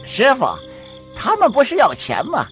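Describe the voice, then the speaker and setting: A man's voice: very high voice, huge pitch swings, normal speed, fairly bright tone, faint music behind, exaggerated voice. An actor playing a mischievous, boastful male monkey king who teases and laughs often, in a TV drama. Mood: scheming. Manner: teasing, bouncy, laughs often. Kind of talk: TV drama acting.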